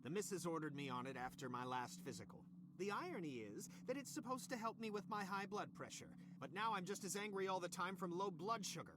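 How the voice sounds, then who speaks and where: A man's voice: sits high, lively intonation, a little fast, noisy background. An actor voicing an irritable middle-aged male scientist boss who snaps sarcastically and then apologizes. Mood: sarcastic.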